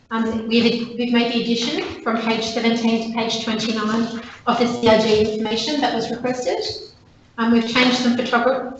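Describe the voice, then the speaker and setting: Hoarse Australian woman presenting in an echoey chamber. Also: on the high side. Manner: halting, with many fillers. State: losing her voice, wavery. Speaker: council officer. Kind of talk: presenting a report at a council meeting. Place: council chamber. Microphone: desk microphone from a distance. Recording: echoey, distant, dull, noisy room recording.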